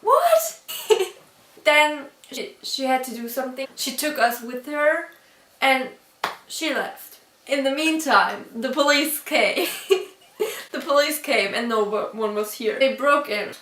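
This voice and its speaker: A woman with a high, light voice tells a story to her camera, chatty and quick to laugh between sentences. She stops now and then to check how she pronounces a word. She sits back from the mic, and her voice carries the echo of a roomy space. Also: pushed and bright, far from the mic. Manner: checks her own pronunciation aloud. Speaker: vlogger. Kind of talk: storytime vlog.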